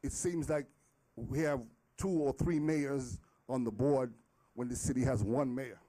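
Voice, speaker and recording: A middle-aged man making an impromptu public comment as a resident, halting and repeating his words as he pleads. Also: mid-range voice, fairly even intonation, dark tone. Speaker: resident and former city worker speaking at public comment.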